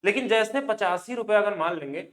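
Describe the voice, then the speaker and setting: A man teaching an exam-prep maths lesson, explaining briskly and coaxing students to look closely at each step. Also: high voice.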